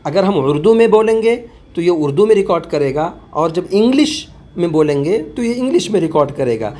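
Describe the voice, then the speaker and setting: A man's voice: high voice, expressive, a little fast, mellow. A man working as an online tutor, patiently explaining a phone app step by step in a tutorial voice-over and repeating words as he goes.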